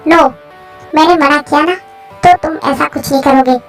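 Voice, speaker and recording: A woman's voice: sits high, unhurried, soft background music. A woman voicing a frightened, stubborn young woman in a fan story, refusing and anxious by turns.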